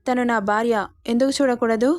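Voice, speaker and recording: A woman's voice: a little high, fairly even intonation, a little fast, a little mellow, dry recording, studio quality, close to an everyday voice. Woman reading as a teasing young husband.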